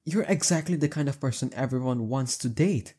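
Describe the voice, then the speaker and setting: Indignant yet adoring, this young man plays a heartbreaker friend in intimate roleplay audio, speaking at a medium pitch close to his everyday voice. His manner is casual and halting, emphatic, with a soft husky edge.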